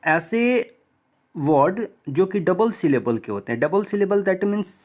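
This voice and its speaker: A male teacher explains grammar at a very unhurried pace. His voice moves a lot in pitch as he spells out letters and asks the class questions, mixing English and Hindi. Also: animated, darkish tone.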